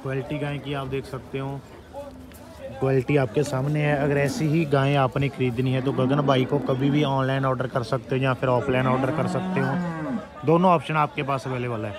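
Host at an outdoor cattle market, man, mid pitch, steady plain delivery, talks to farmers. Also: normal speed. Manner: plain and steady, addresses farmer brothers directly. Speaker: channel host. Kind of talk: presenting cattle rates to farmers.

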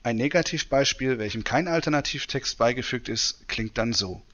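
A man presenting a software demonstration in tutorial narration. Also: mid-range voice, normal speed, lo-fi sound. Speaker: presenter demonstrating screen reader.

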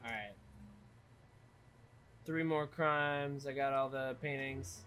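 A woman's voice: very deep voice, slow pace, fairly bright tone, faint music behind. A woman streaming a video game, giving casual, profane commentary and reacting aloud as she plays.

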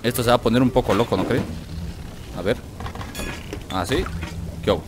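A man's voice: medium pitch, normal speed, music in the background. A man with a Mexican accent who chats and jokes to himself and his viewers while playing a video game. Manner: jokey, chatty, talks to himself and the viewers. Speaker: gaming video host. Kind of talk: let's play commentary.

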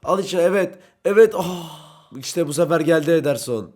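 A young man doing brash, excitable let's-play commentary, talking to himself and his in-game teammates while playing. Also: on the high side, normal speed. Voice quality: brash, excitable, swings between shouting and muttering. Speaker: gaming YouTuber.

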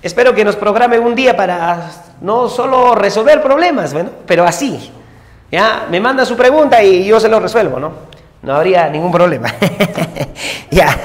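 A male teacher giving an exam-prep lesson, repeating each rule over and over and checking in with quick tag questions. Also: sits high, lively intonation. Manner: repetitive drilling with constant tag questions. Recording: long reverb room echo.

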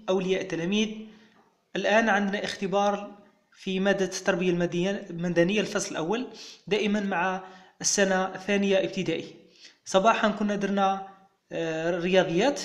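A man with a Moroccan Arabic accent, a teacher patiently walking young pupils through exam answers step by step. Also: high voice.

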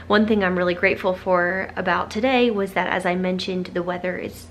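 A woman's voice: lowish voice, steady tone, fairly quick, slight background noise. A young woman, chatting casually as a lifestyle vlogger, upbeat and full of fillers. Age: young adult. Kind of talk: casual voice-over narration. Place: bedroom at home, indoors. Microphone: handheld camera at arm's length.

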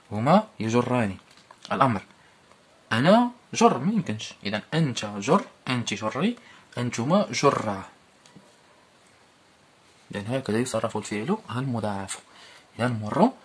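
A man with a Moroccan accent teaching a primary school Arabic lesson, explaining and repeating each word form slowly. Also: medium pitch, expressive, breathy edge.

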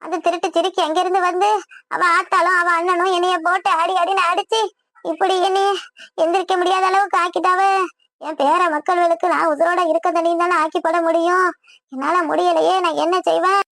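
A cartoon old mother wails and laments at full volume, voiced by a woman. Her voice sits very high, with a Kanyakumari Tamil accent. The recording is dry and close. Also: level tone, a little fast, no room sound. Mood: lamenting. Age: older. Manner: loud, lamenting, melodramatic. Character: wailing, scheming old village mother. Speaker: voice actor in a village comedy cartoon. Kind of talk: comic cartoon voice acting.

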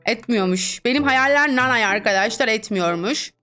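A woman's voice: a little high, normal speed, sharp tone. A young woman commentating her online game casually, giggling, teasing other players and reading the chat aloud in playful voices. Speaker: gaming streamer. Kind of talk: casual Roblox gameplay commentary. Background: background music.

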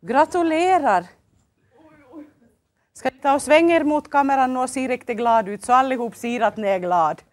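A high-pitched woman with a Finland Swedish accent presents a children's TV show from a local studio, coaxing the young viewers with cheery, sing-song questions.

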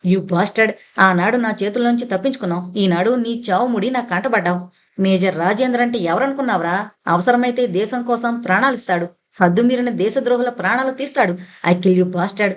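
Woman playing a furious young army man, roaring accusations, shouting, audio novel. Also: a little high, fairly even intonation, moderate pace, close to an everyday voice. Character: enraged young army man, believes he is a dead major.

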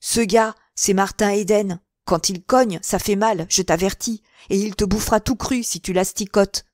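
A woman voicing a calm young gang leader who talks a rival down in a soothing, deliberate way. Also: medium pitch, no echo, studio quality, natural voice. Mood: conciliatory.

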